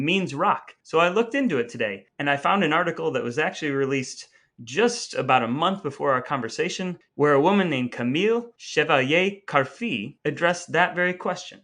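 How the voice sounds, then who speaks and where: A man with a somewhat bright, high-leaning voice hosts a podcast, sounding scripted yet conversational, with playfully grandiose and wordy phrasing.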